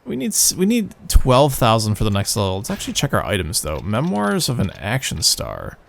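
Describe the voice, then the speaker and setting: A man's voice: on the low side, wildly swooping pitch, a little fast, gravelly. A man hosting a let's play, rambling casual commentary with a nasal, phlegmy morning voice.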